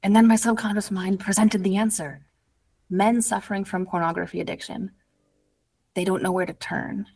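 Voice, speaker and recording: A woman's voice: mid-range voice, steady tone, moderate pace, darkish tone, breathy edge. A woman guest on a podcast interview, an addiction recovery coach telling her story earnestly and casually, with lots of "like". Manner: earnest, storytelling, heavy use of "like".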